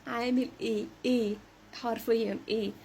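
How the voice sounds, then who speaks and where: A young woman with an Egyptian Arabic accent giving a brisk short French lesson, saying each example word slowly and repeating it. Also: fairly high pitch, steady tone, a little mellow, a little hiss or hum. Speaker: French teacher. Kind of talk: short social media language lesson.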